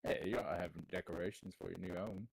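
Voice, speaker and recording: A man's voice: low-pitched, steady tone, fast talker, vocal fry, breathy edge, dry recording, poor audio. A man playing a tabletop game in character, talking casually with some stammering. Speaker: player.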